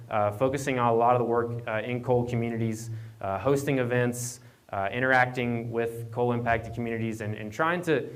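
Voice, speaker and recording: A man's voice: mid-range voice, fairly bright tone. A man from Virginia with an Appalachian accent gives an informal conference presentation, often repeating words and restarting as he goes. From Appalachian Virginia, United States. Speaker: guest speaker, economic development program manager. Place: speaking to an audience at a live event, standing away from the podium. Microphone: double mic'd.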